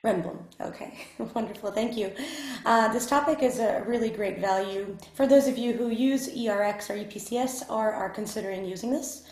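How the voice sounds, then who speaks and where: A woman's voice: fairly high pitch, moderate pace, a little mellow. Woman hosting a webinar, roomy sound. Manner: polite, formal, with frequent fillers. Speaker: webinar host. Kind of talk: webinar introduction.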